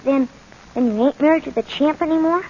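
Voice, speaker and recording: In a 1940s radio drama, a performer voices a streetwise, plain-spoken young boy who talks in slang, sounding bewildered. The voice is high, fairly quick and a little mellow, with a natural quality. It comes through a muffled, noisy old 1940s radio recording.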